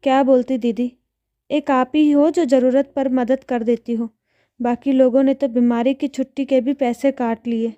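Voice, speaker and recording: A woman's voice: sits high, steady tone, moderate pace, dark tone, no room sound, dull audio, close to an everyday voice. A woman voicing an ashamed, tearful housemaid. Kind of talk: storybook narration.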